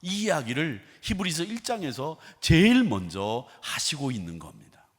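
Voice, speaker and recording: Male pastor preaching in a reverberant church hall, lively pitch, shifts from booming emphasis to quiet storytelling. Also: normal speed, slightly rough. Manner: swings from loud emphatic declarations to soft, hushed storytelling. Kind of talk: sermon. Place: church sanctuary.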